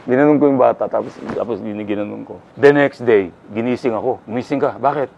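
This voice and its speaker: A man's voice: mid-range voice, brisk, gravelly, lo-fi sound, a little hiss or hum. An older man, a singer-songwriter guest, telling his story casually and acting out what people said to him. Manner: animated storyteller who acts out what people said.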